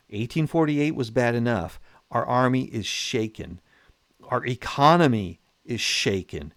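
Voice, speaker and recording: A man speaking as tired imperial statesmen, pleading that they are too shaken and broke for a war, in his own even voice. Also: mid-range voice, dry recording, lightly acted. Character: weary, worried statesmen of a cash-strapped empire.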